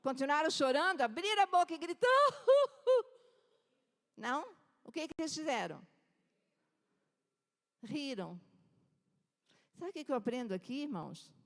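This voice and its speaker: A woman pastor preaching a sermon to her congregation, calling out to them and swinging between soft and loud emphasis. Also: fairly high pitch, in a large hall. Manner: preaching with rising and falling emphasis, addressing the congregation. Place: church.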